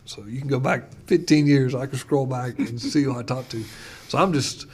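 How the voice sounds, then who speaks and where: A man who is a pastor, telling stories in a casual chat and getting animated when he retells dialogue. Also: mid-range voice, moderate pace, slightly rough. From United States. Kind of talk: casual conversation, storytelling.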